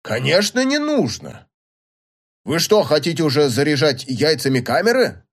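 A man's voice: on the high side, big pitch swings, moderate pace. A man reading a story aloud and voicing an irritable, scornful old professor.

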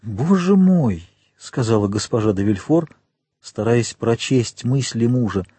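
Male audiobook narrator, mellow and husky. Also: mid-range voice, measured pace, no room sound. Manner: dramatic, even storytelling. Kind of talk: scripted narration of a classic novel.

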